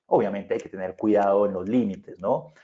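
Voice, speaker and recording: A man's voice: fairly low pitch, normal speed, dark tone. A man with a Bogotá Colombian accent, a public speaking consultant giving a virtual conference lecture in a conversational way. He often checks in with his listeners. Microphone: video call. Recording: muffled video-call audio.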